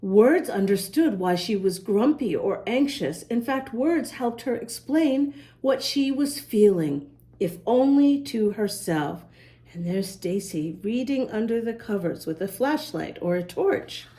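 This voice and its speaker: A woman with a fairly high, unhurried voice hosts a children's story time, reading a picture book aloud. She speaks animatedly and directly to the young listeners, carefully sounding out words and spelling them letter by letter.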